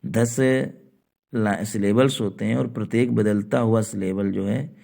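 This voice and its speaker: A man teaching an exam-prep literature lesson, speaking slowly, repeating points and spelling out words letter by letter. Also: lowish voice, steady tone, gravelly, dark tone. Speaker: coaching teacher.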